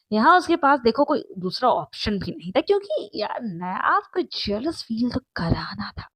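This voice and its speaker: A woman's voice: high-pitched, dry recording. A young woman narrating a story in a chatty, casual way, with asides to the listener and English words mixed in.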